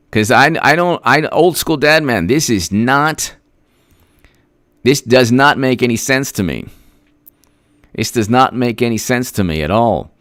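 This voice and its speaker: Guy hosting a commentary stream, sarcastic and emphatic, middle-pitched voice, dry close sound. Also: a bit bright, no echo. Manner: sarcastic, emphatic, rattles off statistics; reads out viewer messages. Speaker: host. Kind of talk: political commentary livestream.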